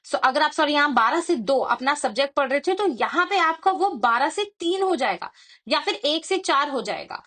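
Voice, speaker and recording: Young female study coach, high voice, explains a study plan step by step and checks in with viewers often. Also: fairly bright tone. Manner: code-switching, repeats points, checks in with the viewer.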